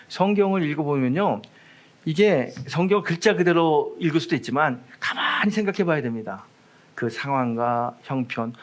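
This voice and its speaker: A middle-aged man, a senior pastor, giving a conversational Sunday sermon, telling stories with humour and speaking directly to the congregation. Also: fairly high pitch. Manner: chatty, humorous storytelling with asides to the congregation.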